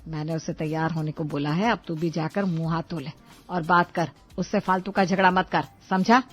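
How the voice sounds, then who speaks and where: A woman voicing a mother who quietly scolds her grown son in a cartoon. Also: on the low side, steady tone, normal speed, soft background music, lightly acted. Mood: hushing. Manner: scolding in a hush.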